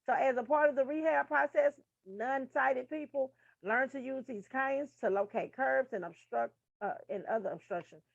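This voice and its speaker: A nursing tutor gives a casual, frank study lesson, tossing profane asides to her listeners. Her high-pitched voice carries vocal fry and moves at normal speed with hardly any pauses. There's no room sound, and the recording has a dull lo-fi quality.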